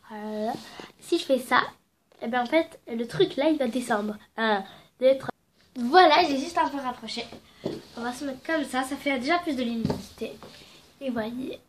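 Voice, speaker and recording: A young craft vlogger whose voice sits high chats playfully and rambles through a tutorial she's filming on her phone at home indoors. Her nose is stuffy from a cold, and there's slight background noise.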